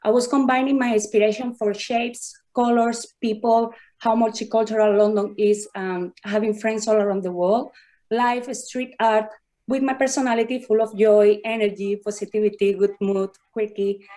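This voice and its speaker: Woman, thirties, Spanish accent, careful halting phrasing, video call, mid pitch. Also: steady tone, warm tone. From southern Spain. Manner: slow, careful, non-native phrasing with filler pauses. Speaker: contestant artist. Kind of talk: presenting her work on a video call.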